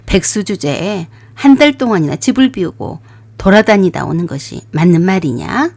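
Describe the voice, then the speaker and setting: A woman voicing a stern, scolding older mother-in-law in a radio drama, lowering her voice into sharp rebukes. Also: animated, normal speed.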